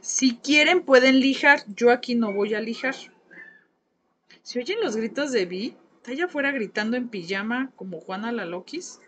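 Casting: Mexican woman, craft teacher, a bit high-voiced, gossipy and warm with her viewers on a live class. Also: lively intonation, normal speed. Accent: Mexican Spanish. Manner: chatty, gossipy, coaxing viewers to talk. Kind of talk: live painting class chat.

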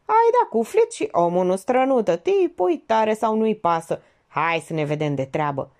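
A woman's voice: medium pitch, big pitch swings, darkish tone, voice pushed up. A woman voicing a cynical, blunt young man in an audiobook, with a sneering, slangy way of talking.

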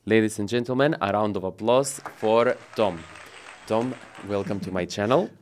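A man's voice: on the low side, normal speed, a little mellow, some chatter behind, a little hiss or hum. Cheerful man hosting a podcast. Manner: upbeat, laughs often, non-native grammar slips. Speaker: podcast host. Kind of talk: casual interview chat. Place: studio set with blue walls and a wooden table. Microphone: desk podcast mic on boom arm.

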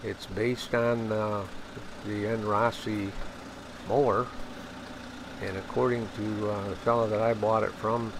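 An older American man hosts a video on assembling a machine, narrating in a plain, hesitant manner packed with fillers. His voice sits fairly low and moves unhurriedly, recorded outside against steady background noise.

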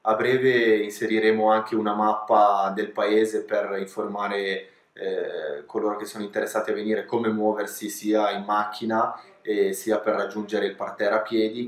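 A young man, president of a ski resort and race director, calmly answering interview questions in an office, measured and informative with brief hesitations. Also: lowish voice. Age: young adult. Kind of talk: calm seated interview answers. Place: office with pennants and souvenirs on the wall, indoors. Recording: roomy office echo.

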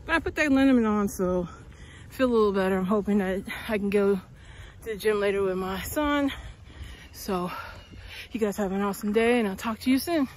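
A woman's voice: mid-range voice, brisk. Breathless woman vlogging on a windy walk. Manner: upbeat, motivational, talks while walking. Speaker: fitness vlogger. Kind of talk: casual walking vlog. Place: outdoors on a cold windy street, later in a car. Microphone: phone at arm's length. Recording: noisy outdoor phone recording.

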